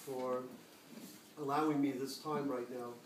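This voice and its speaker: A man's voice: mid-range voice, steady tone, unhurried. Rambling man joking in an echoey hall. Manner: rambling, self-deprecating, repeats words often. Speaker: guest speaker at a kollel. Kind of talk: joking Purim-season speech. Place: indoor study hall. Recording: echoey room from far off, loud noise.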